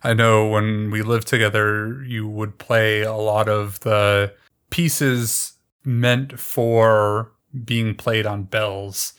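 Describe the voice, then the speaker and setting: A man co-hosting a podcast, talking in a measured, argumentative way in casual chat. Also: lowish voice, flat delivery, fairly bright tone, clear, resonant tone. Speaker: podcast co-host.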